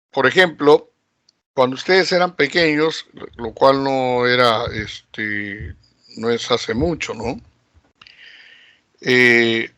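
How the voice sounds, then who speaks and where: Slow-talking Peruvian teacher lecturing. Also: male voice, medium pitch, bright, forceful tone, dry recording. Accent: Peruvian Spanish. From Peru. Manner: slow, drawn-out delivery with many fillers and rhetorical questions. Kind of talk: recorded classroom lecture.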